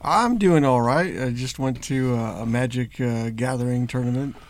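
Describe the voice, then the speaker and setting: A man's voice: mid-range voice, normal speed. A man chatting casually as a podcast guest, laid-back and full of fillers. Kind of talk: casual chat.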